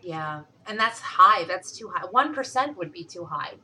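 A young woman with a lowish, forceful, bright voice speaks bluntly and swears freely. She talks in a casual, candid conversational way as a podcast co-host. A faint hiss sits behind her. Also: expressive, normal speed, poor audio.

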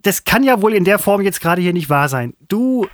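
High-voiced man, indignant podcast banter. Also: very animated, brisk, slight background noise. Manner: indignant, flustered, keeps protesting and restarting. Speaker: podcast co-host.

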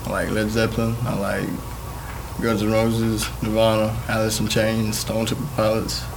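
A man's voice: fairly low pitch, monotone, moderate pace, vocal fry. A young man, a guitarist and singer answering interview questions in an earnest, rambling way. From Mississippi. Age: young adult. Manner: earnest, rambling, with fillers and restarts. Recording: noisy background ambience.

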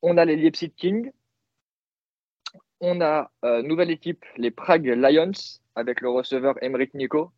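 A man's voice: on the high side, moderate pace, dry recording, phone-quality sound. A man co-hosting a casual sports podcast, talking with many fillers and restarts. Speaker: podcast co-host.

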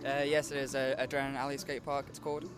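A man's voice: mid-range voice, flat delivery, fast talker, music in the background. A nineteen-year-old man from Liverpool, a skateboarder being interviewed at an outdoor event, who answers hesitantly with many filler sounds. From Liverpool, England. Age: young adult, 19.

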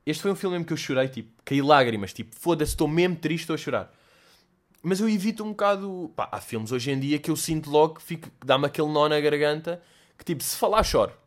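A young man with a European Portuguese accent hosts a casual chat answering listener questions. Fairly high-pitched and fairly quick, he's animated and swears, peppering his talk with English slang.

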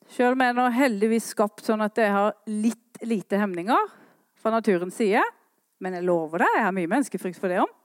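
A woman preaching a sermon, swinging between quiet earnest talk and impassioned rising calls. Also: mid-range voice, lively intonation, no room sound, clean studio sound.

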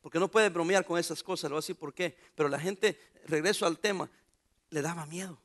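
A man's voice: fairly high pitch, brisk. A man preaching a sermon as pastor, joking and calling out to the congregation. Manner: animated preaching with jokes and calls to the congregation.

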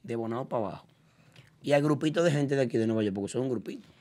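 A man hosting a talk show in a studio, voice at a middle pitch. He lectures with force, his voice leaping upward when he gets heated. He is talking across a table to several guests. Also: fast talker. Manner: emphatic, lecturing, sharp pitch jumps when ranting. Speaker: radio podcast host.

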